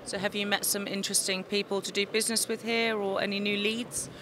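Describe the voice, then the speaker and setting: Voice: medium pitch, flat delivery, a little fast. An interviewer asking short, prepared questions at a busy exhibition hall. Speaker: interviewer for an expo TV channel. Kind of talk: trade show interview questions. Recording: faint trade show hall noise.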